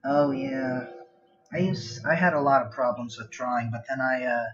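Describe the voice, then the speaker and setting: Drawing on his art livestream, a young man chats in a loose, self-deprecating ramble with a medium-pitched, fairly bright voice. The home mic sounds muffled, with background noise and the whir of a laptop cooling fan.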